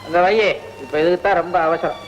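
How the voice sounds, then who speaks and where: A man's voice: high-pitched, a little fast, soft background music, close to an everyday voice, poor audio. An actor playing a hot-tempered middle-aged father who scolds and blusters in old film dialogue. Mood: grumbling.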